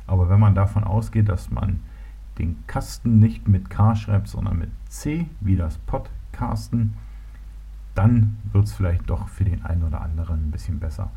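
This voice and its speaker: A man's voice: low-pitched, normal speed, gravelly, slightly rough. A man from Berlin hosting his own podcast, talking casually and hesitantly with lots of fillers. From Berlin, Germany. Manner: relaxed, hesitant with many fillers and restarts. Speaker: podcast host. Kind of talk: casual solo podcast talk. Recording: tinny phone-like sound.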